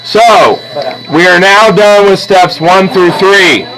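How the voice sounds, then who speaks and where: In a low-quality recording, an art teacher leads a drawing lesson in a classroom full of students. His voice is high-pitched, bright, and forceful, and he takes things slowly. He walks through each step with patience, frequently asking "okay?" or "all right?"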